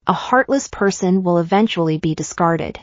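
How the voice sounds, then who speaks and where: Low-voiced woman reading a story. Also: lively intonation, moderate pace, no room sound, muffled recording. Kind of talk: scripted first-person narration.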